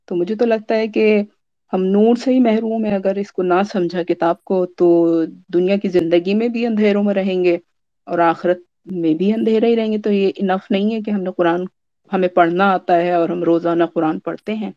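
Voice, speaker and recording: A woman's voice: mid-range voice, steady tone, no echo. A woman student sharing a thoughtful reflection during a class discussion. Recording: dull, dry lo-fi audio.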